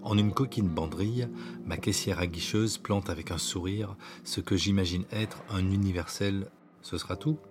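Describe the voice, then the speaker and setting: A man reading his own autobiographical story as scripted narration, in an intimate, hushed way that at times drops to a whisper. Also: deep voice, fairly even intonation, moderate pace. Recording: narration over clear background music.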